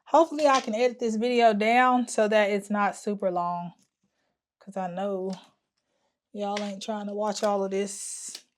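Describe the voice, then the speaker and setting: With slight background noise behind her, a woman speaks at a measured pace in a medium-pitched voice with fairly even intonation. Her casual talking-to-camera vlog follows her planning travel business marketing aloud, full of fillers and restarts, as she hums while working at the wall.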